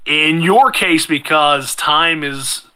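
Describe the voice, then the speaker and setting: A man with a very bright, forward voice, slightly high in pitch, hosts a tabletop game as game master. He talks casually, moving between narration and wry, dry teasing of the players. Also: slow pace, clear, resonant tone. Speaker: game master and show host.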